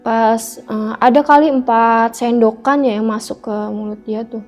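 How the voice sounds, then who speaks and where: A woman's voice: on the high side, fairly even intonation, a little slow, darkish tone. A woman telling a personal story in an interview, acting out the dialogue as she goes. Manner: re-enacts dialogue, filling speech with "gitu". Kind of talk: emotional first-person storytelling. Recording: dull lo-fi sound with faint background music.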